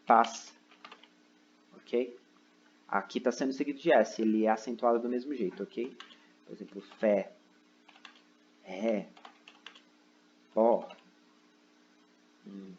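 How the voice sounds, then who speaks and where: A man's voice: on the low side, darkish tone, a little hiss or hum. Man, teacher, step-by-step explaining, frequent check-ins, dull home recording. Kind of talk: recorded online lesson. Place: seated at a computer indoors.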